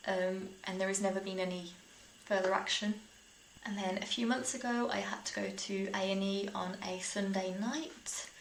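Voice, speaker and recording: Chatting informally to camera, a young British woman shares personal experiences the way a vlogger would, laughing softly mid-sentence. Her pitch sits mid-range for a woman, her intonation fairly even and her speed normal. The room is echoey, with faint noise in the background.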